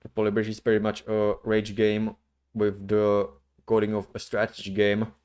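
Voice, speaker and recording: A man chatting casually as the host of a livestream, rambling in a slangy, halting way. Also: on the low side, monotone, a little mellow, smooth. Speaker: streamer, VTuber host.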